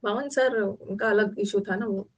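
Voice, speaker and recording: A woman's voice: mid-range voice, fairly even intonation, unhurried. A young adult woman with an Indian accent teaching vocabulary online, explaining in Hindi mixed with English and repeating key words.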